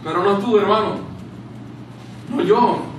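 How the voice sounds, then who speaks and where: A man's voice: high voice, takes it slowly. Impassioned preacher man in echoey church. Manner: impassioned, drops to a hushed tone for scripture quotes. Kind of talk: sermon. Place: small church room. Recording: very echoey room, distant mic, faint hiss.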